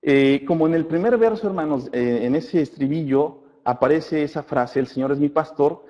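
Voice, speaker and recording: A man teaching a church Bible study class, often checking in with his listeners and reading scripture aloud slowly. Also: on the high side. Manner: addresses listeners as brothers, asks checking questions. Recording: muffled recording in a reverberant hall.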